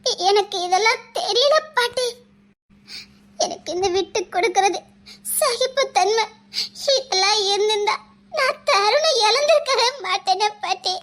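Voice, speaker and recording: A woman's voice: extremely high pitch, measured pace, fairly bright tone. A woman playing a sincere, unsure young granddaughter-in-law, with a Tirunelveli Tamil accent.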